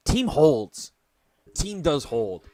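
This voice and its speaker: A young man giving casual live-stream tennis commentary from home, chatty and excitable, joking with people in the room. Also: a little high, drawn-out words.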